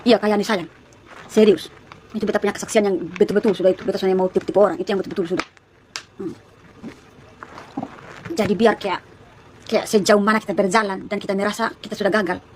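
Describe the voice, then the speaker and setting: A woman's voice: medium pitch, steady tone, quick pace, pauses often, slight background noise. A young woman from East Nusa Tenggara with a Kupang Malay accent, chatting casually on a phone livestream, greeting viewers by name and laughing often. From East Nusa Tenggara, Indonesia. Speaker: livestream host.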